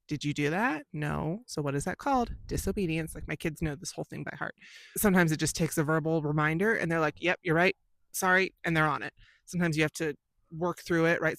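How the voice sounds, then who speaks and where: Woman, 30s, casual parenting vlogger, lively and chatty, dry recording. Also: low voice, dry recording. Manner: chatty, acts out quoted dialogue with her kids. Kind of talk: casual parenting advice talk.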